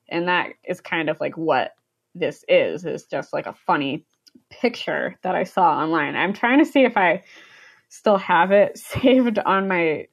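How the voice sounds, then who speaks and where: A young American woman from the United States, a podcast guest chatting casually, rambling with many fillers and frequent laughter. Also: on the low side. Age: young adult.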